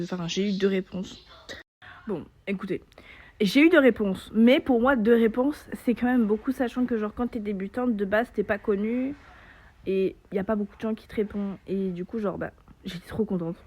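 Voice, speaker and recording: Rambling, chatty young woman vlogger. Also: mid-range voice. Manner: rambling, chatty, full of fillers. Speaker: beginner gaming YouTuber. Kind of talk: casual vlog chat.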